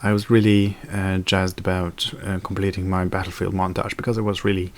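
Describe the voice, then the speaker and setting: A man's voice: deep voice, flat delivery, brisk. A young man chatting casually in a daily vlog, rambling with fillers and self-corrections. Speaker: video blogger.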